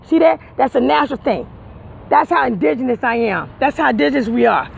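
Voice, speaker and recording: A man with a strikingly high, gravelly voice speaks emphatically to his viewers, repeating his points like a sermon. He talks outdoors on a dull, lo-fi recording, with faint traffic behind him. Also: expressive, brisk. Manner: emphatic, repetitive, preachy. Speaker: vlogger. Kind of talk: casual heartfelt monologue to viewers.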